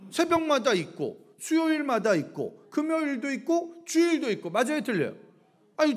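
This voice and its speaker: A middle-aged pastor preaching a revival sermon in a church, firing either-or questions at the congregation and acting out shouts. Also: male voice, very high voice. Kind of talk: lively revival sermon with call-and-response questions. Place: church sanctuary.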